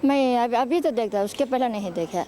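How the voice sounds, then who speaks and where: A woman giving an eyewitness account in a field interview, answering quickly and plainly. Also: a little high, lively intonation, warm tone. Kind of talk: street interview testimony.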